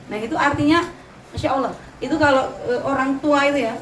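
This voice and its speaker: A middle-aged woman with a Javanese accent and a high-sitting voice talks fast, giving a chatty, anecdote-filled religious talk to mothers as a religious teacher and slipping in Javanese words. She's in an open pavilion hall, recorded with a distant mic that picks up roomy echo and ambient noise.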